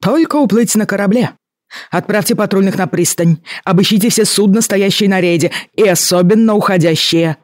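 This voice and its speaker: A reader voicing a male judge giving brisk orders in a raised voice. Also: medium pitch, no room sound, studio quality, pitched above the performer's own voice, lightly acted. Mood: commanding.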